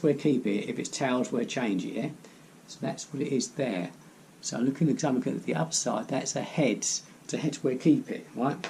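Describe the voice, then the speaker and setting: Male amateur magician, soft-edged low-key tone with fry, rambling card-trick patter, slightly noisy home recording. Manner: rambling, repeats phrases, self-deprecating asides.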